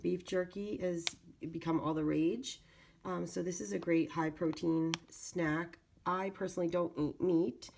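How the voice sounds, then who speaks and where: A woman hosting a casual unboxing video, with a raspy voice congested from a cold, pausing as she reads and comments. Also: lowish voice, slight background noise. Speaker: video channel host. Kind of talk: casual product unboxing narration.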